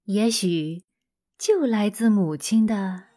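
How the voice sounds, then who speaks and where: A female teacher tells a story to children, talking straight to her young listeners in a lively, chatty manner. Her voice sits at medium pitch and moves at a slow pace.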